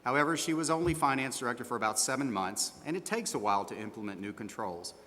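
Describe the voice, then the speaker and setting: A man portrays a defensive male auditor questioned at a disciplinary hearing in an amateur stage production, his speech formal and somewhat hesitant. His medium-pitched voice is expressive, fast, bright and forceful, while his mood stays measured and defensive, all heard within an echoey hall with long reverb.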